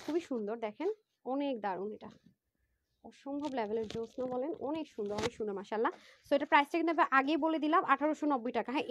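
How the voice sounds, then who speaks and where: A woman selling clothes on a live phone stream, chatty and excited, talking straight to viewers. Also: sits high, no echo. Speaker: online clothing seller.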